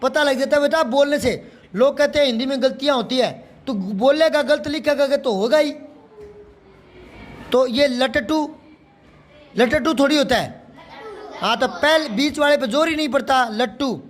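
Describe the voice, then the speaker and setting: A man's voice: extremely high pitch, normal speed, some chatter behind, slight background noise. A male teacher going through a Hindi workbook, patiently asking questions and repeating corrections. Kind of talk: classroom lesson explaining a workbook.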